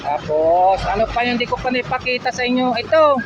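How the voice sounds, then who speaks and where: Chatty high-voiced Filipino man vlogging. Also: expressive, brisk, lo-fi sound, a crowd in the background, noisy background. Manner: chatty, asks prices, addresses viewers as friends. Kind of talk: casual walk-through vlog. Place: outdoor market stalls.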